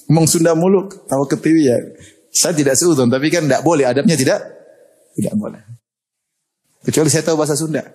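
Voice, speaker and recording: A middle-aged man giving a lively sermon, joking and laughing often. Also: on the high side, fast, long pauses, slightly rough. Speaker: Islamic preacher.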